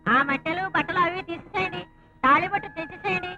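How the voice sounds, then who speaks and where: Brief: bossy funeral organiser, very high and fast, loud music. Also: female voice, muffled recording. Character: brisk woman ordering funeral rites. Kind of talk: film comedy scene.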